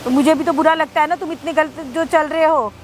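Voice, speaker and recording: A woman's voice: high voice, steady tone, a little fast, slight background noise, lightly acted. A middle-aged woman playing a lonely mother, weary and reproachful. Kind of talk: scripted social drama skit.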